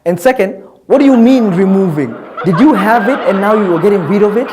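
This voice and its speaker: A man's voice: high-pitched, animated, brisk, noisy background. A young Kenyan man hosting a satirical comedy show, talking in a mocking, incredulous way and often laughing as he speaks. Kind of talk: satirical commentary.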